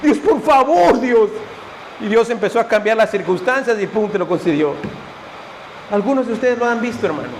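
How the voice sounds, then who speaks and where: A man's voice: high-pitched, quick pace, slight background noise. A man preaching a fervent sermon at a church service, speaking straight to his congregation. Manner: fervent, directly addressing the congregation as brothers.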